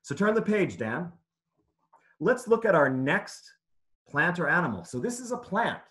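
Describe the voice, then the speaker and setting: In an interactive children's read-aloud lesson, a man takes his time, his high voice very animated and a little bright. Much like a teacher, he keeps his phrasing simple and poses questions to the kids.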